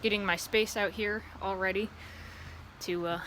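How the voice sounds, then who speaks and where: A woman chatting casually to camera in a rambling, easily distracted way, outdoors beside a loud street. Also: mid-range voice, fairly even intonation, normal speed, poor audio. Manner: easily distracted, drifting between asides. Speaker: vlogger. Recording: outdoor traffic and ambient noise. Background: passing vehicles and outdoor ambience.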